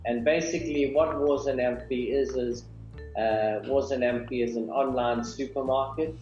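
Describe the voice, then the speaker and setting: A South African man in his thirties answers interview questions over a video call, relaxed and hesitant with many ums. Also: mid-range voice, normal speed, faint music behind. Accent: South African English. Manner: relaxed, with frequent ums and uhs. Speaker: guest, business founder. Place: small home office indoors. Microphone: webcam on a video call. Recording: dull, roomy video call audio.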